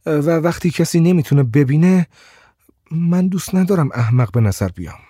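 A man voicing a gentle, shy blind woman who speaks softly and hesitantly, stammering at times. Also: on the high side, lively intonation, breathy edge, no room sound, studio quality, pitched above the performer's own voice. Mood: wistful. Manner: soft, hesitant, stammers when upset.

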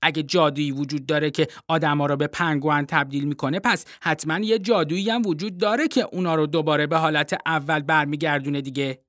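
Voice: mid-range voice, steady tone, few pauses, fairly bright tone, dry recording, clean studio sound, lightly acted. A storybook reader voicing an earnest, argumentative young schoolboy, pleading and defensive. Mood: eager. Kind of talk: storybook reading.

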